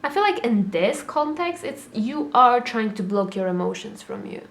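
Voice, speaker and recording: A woman's voice: fairly high pitch, normal speed. Chatty woman giving a tarot reading. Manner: chatty, animated, acts out inner voices. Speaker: tarot reader. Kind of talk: casual tarot reading to camera.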